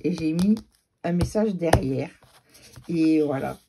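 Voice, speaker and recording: Chatty woman with a gravelly voice. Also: sits low, takes it slowly, noisy background. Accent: regional French accent. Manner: chatty, rambling, with fillers. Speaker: scrapbooking vlogger. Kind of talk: casual chat to viewers.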